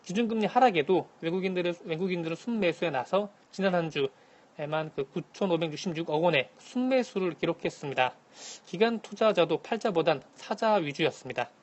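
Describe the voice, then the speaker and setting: Higher-voiced man giving a radio economic briefing. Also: animated, brisk. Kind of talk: scripted news briefing, answering by phone. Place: phone link to a radio programme.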